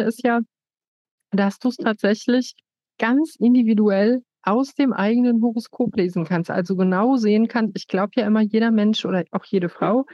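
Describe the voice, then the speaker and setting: A woman's voice: medium pitch, dry recording, highs cut off. A woman speaking frankly and decisively in a casual interview conversation.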